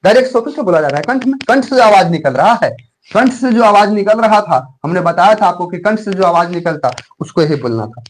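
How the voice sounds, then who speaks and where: A man's voice: high voice, animated, a little fast, a little hiss or hum. A man teaching Hindi grammar in an exam-prep lesson. He repeats each point, quizzes the viewers, draws out letter sounds in drills and keeps calling them his friends. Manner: repetitive, quizzes viewers, frequent filler phrases and "my friend".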